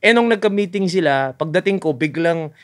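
A man in his thirties, a content creator, telling stories in a casual podcast chat, animated and mixing in English with "bro". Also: on the high side, moderate pace. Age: 30s. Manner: animated storyteller, mixes English into Tagalog, says "bro".

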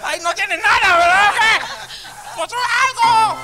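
Corny Mexican stand-up comic in a very high register, chummy and slangy, over TV studio music. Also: male voice, unhurried, a loud crowd. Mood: corny joking. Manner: slangy, chummy, tags lines with "ma". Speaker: comedian character. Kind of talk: TV sketch comedy.

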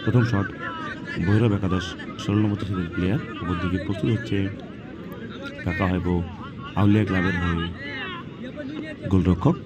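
Low-voiced man calling football over crowd noise. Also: fairly even intonation, brisk, long pauses. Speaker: football match commentator. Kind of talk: live penalty shootout commentary. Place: outdoor football ground. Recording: loud outdoor crowd and ambient noise.

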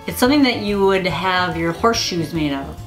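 A woman's voice: fairly low pitch, lively intonation, brisk, soft background music, poor audio. Middle-aged woman with a Minnesotan accent. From Minnesota, United States. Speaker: guest, mother of the host. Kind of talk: casual banter, word pronunciation challenge. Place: small indoor room, wood-panelled.

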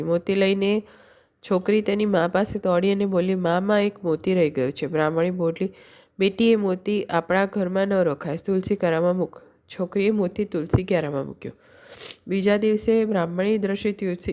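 Woman steadily reciting a devotional tale. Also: mid-range voice. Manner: steady recitation with small slips and restarts. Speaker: storyteller. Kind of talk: devotional story reading.

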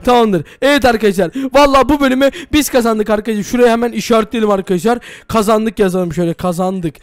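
An energetic man hosts a Minecraft role-play video, talking to viewers at a fast clip. His voice sits very high for a man. It is recorded dry and close. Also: clean tone, dry recording. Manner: energetic, addresses viewers constantly. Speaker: host.

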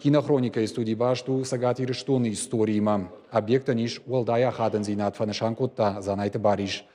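Dark-voiced male news presenter, heavy reverb. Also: on the low side, fairly even intonation. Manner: formal, measured. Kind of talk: scripted news narration.

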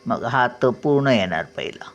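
A woman's voice: extremely low pitch, expressive, dull audio. An older woman teaching at home, spelling out letters one by one and checking often that the learner follows. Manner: patient, spells out letters and sounds words slowly. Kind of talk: home writing lesson.

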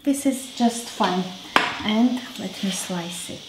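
Slow-talking woman with Armenian accent. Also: mid-range voice, very noisy. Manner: chatty, self-correcting, halting English. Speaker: cooking show host. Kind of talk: casual cooking demonstration. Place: roomy home kitchen, indoors. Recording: echoey kitchen with background music.

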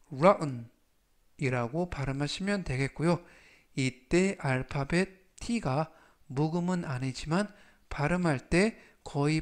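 Slow, deliberate male vocabulary teacher. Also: fairly high pitch. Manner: slow, deliberate, repeats each word three times. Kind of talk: scripted vocabulary lesson.

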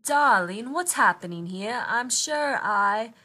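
Woman reading as a showy soap-star diva, fake posh english put-on, bright and forceful, storybook. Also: fairly high pitch, expressive, takes it slowly, heavily acted. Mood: gushing. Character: grand female soap-opera star with showy airs.

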